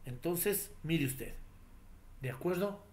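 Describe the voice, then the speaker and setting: A man's voice: on the high side, animated, slow, a little mellow, a little hiss or hum. Man lecturing with constant tag questions. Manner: frequent tag questions and fillers; explanatory, addresses listener formally. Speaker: teacher. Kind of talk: classroom lecture.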